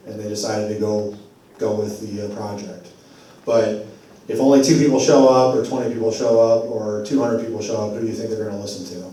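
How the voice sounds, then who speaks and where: Man, mellow voice, conversational public talk, slightly worn voice, distant mic, big echoey hall. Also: on the low side. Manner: conversational, loose and digressive. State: losing his voice. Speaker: advocacy group speaker at a community forum. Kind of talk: public address at a community meeting. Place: church meeting hall.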